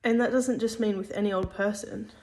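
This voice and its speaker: A woman's voice: mid-range voice, steady tone, fairly quick, darkish tone. A woman giving a casual spoken religious teaching, hesitant, with many fillers and restarts.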